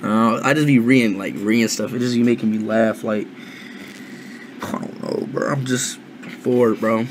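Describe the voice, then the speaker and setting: A man's voice: fairly low pitch, fairly even intonation, moderate pace, background noise. A young man talking casually with a friend after a stream, loose and slangy, often trailing off. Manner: loose slangy talk, trails off, says bro a lot.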